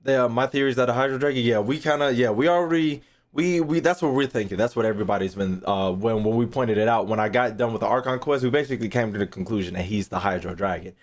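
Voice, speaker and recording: This gaming streamer is a young American guy who talks fast in a mid-range voice. His profane, laid-back reaction chat wanders a lot, loaded with slang and repetition.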